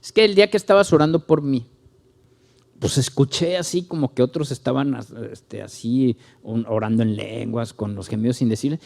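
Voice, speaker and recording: A man's voice: moderate pace, vocal fry. Male pastor, Mexican Spanish accent, middle-aged, storytelling sermon, acts out voices. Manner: storytelling, acts out dialogue with lively pitch swings. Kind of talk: Bible study teaching with anecdotes.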